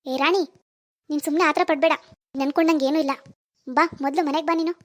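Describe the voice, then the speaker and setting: A woman's voice: high-pitched, fairly even intonation, quick pace, natural voice. A woman voicing a young husband in a cartoon, earnest, pleading and insistent. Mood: coaxing. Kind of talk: animated cartoon dialogue.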